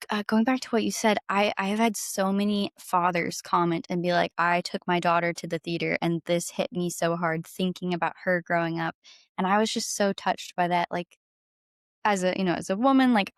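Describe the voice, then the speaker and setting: A young adult singer-songwriter, appearing as an interview guest, chats casually and tells stories in a candid, gushing, informal way. Her voice is lowish and smooth, recorded in a clean studio with no room sound.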